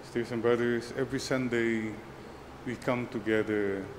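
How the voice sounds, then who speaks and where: A man serving as priest, leading the Mass in a measured, solemn prayer cadence at a pulpit microphone. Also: mid-range voice, fairly even intonation, noisy background. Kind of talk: leading liturgical prayer and exhortation.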